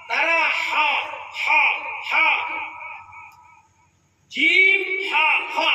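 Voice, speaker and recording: A man preaching a sermon, stressing words with drawn-out, emphatic shouts. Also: very high-pitched, a little hiss or hum. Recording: distant voice in a very echoey space.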